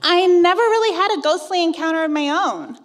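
High-voiced woman telling a personal ghost story. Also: brisk, big-room sound. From Iowa. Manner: wry, conversational, self-teasing.

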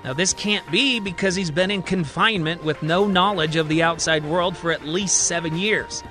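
A man's voice: fairly high pitch, moderate pace, sharp tone, soft background music. A man narrating his own audio drama in a conversational, recapping storyteller manner. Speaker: writer and narrator.

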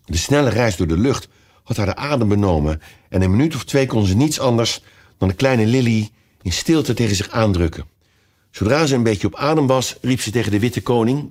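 A man reading a children's storybook aloud with lively, expressive narration. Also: fairly low pitch. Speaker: audiobook reader.

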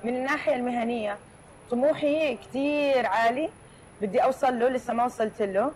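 A woman's voice: fairly high pitch, a little fast, a little mellow, a little hiss or hum, poor audio. A woman in her thirties with a Levantine Arabic accent, giving reflective, casual interview answers mixed with English. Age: 30s. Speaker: podcast guest.

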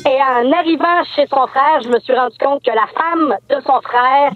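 A man with a Québécois accent calling in anonymously, his voice run through a voice changer to disguise it, speaking hesitantly with many fillers. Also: moderate pace. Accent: Québécois French. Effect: voice changer disguising the voice, pitched up. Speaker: anonymous caller. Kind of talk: phone-in confession on radio. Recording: tinny phone line.

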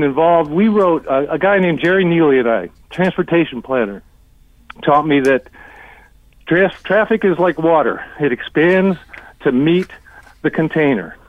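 Older man, radio show caller, blunt and exasperated, higher voice, tinny phone line, dry. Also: no room sound. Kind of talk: call-in comment on a talk show.

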